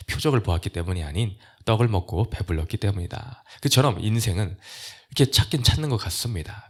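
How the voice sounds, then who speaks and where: A middle-aged man preaches a morning devotional in a very deep, low voice. He talks earnestly to his listeners and grows loud and emphatic when he reads the verses. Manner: earnest preaching, rising to emphatic scripture quotes. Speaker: pastor.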